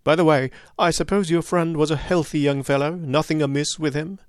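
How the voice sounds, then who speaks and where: A man voicing Sherlock Holmes as a calm, incisive detective with a measured, dryly ironic manner. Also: fairly high pitch, smooth, no echo, clean studio sound, pitched above the performer's own voice, lightly acted.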